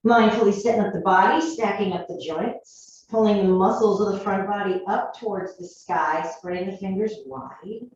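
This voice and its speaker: A woman in her thirties guiding a yoga class in a calm, gentle voice, still a little froggy in the morning and clearing her throat now and then. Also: mid-range voice, normal speed, hardly any pauses, slight background noise. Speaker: yoga teacher. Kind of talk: guided yoga class instruction. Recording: dull, echoey room from a distance.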